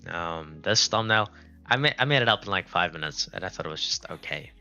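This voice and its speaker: A South African man whose first language is Afrikaans chats casually and thinks aloud while live-streaming a game at a laptop indoors, rambling and unscripted with music playing. His voice is low-pitched, pushed and bright, a little fast with lively intonation.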